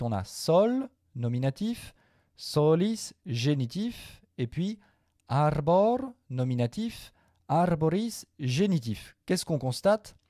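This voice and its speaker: A man teaching a Latin grammar lesson to viewers, patient and methodical, repeating each form slowly with small hesitations. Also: a little high, dark tone, no room sound, studio quality.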